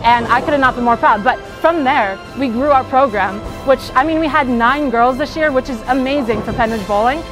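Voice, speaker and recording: A teenage girl, a high school bowler, is interviewed in a bowling alley and chats upbeat and casually about bowling, using lots of fillers. Her high voice moves fairly quickly with hardly any pauses, and the poor audio has music playing underneath.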